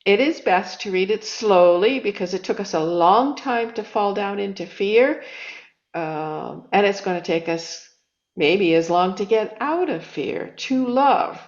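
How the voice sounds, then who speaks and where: A woman's voice: medium pitch, expressive, unhurried. A woman author, a guest in an interview, talking earnestly about spiritual ideas and illustrating them with everyday examples and quoted self-talk. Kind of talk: reflective spiritual conversation. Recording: roomy, slightly dull recording.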